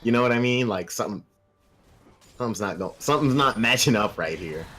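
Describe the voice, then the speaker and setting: A young man casting a video game match live, joking casually and getting faster and louder during fights. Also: medium pitch, lively intonation. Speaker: esports caster.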